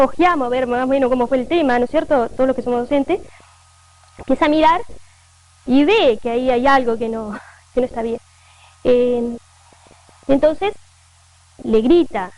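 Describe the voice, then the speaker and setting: A Uruguayan woman with a high voice gives a lecture to an audience of teachers. Her delivery is conversational, full of fillers and quick checks with her listeners. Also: a little mellow, no room sound, rough recording. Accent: Uruguayan Spanish. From northern Uruguay. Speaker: teacher educator giving a talk. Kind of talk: lecture with read-aloud quotations.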